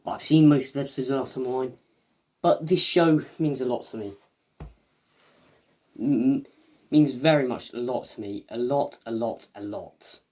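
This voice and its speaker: A man's voice: mid-range voice, moderate pace, pauses often, a little mellow. Rambling, hesitant man reviewing. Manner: rambling and hesitant, many fillers and restarts; eager fan, chatty asides to viewers. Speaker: video reviewer. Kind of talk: casual video review monologue.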